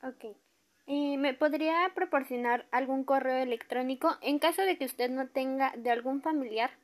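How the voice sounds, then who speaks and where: A woman's voice: high voice, normal speed, lightly acted. A woman with a Mexican accent playing a courteous complaints officer in a role-play, using a polite, formal customer service voice. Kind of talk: amateur acted role-play.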